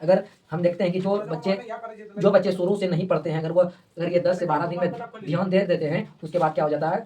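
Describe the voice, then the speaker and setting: A man's voice: high-pitched, fairly even intonation, quick pace, mellow, distant mic. A male teacher gives a motivational study lesson, repeating points and asking and answering his own questions.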